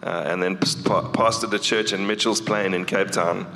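A man's voice: deep voice, steady tone, moderate pace, bright, forceful tone, long reverb tail, soft background music. A South African man, a guest musician, telling stories in a casual onstage interview at a church, joking as he goes. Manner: joking, storytelling. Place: church hall.

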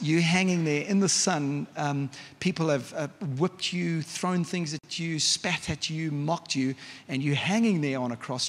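Conversational preacher in a reverberant church. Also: male voice, fairly high pitch. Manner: conversational, vivid, asks the congregation questions. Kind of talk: sermon. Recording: long hall reverb.

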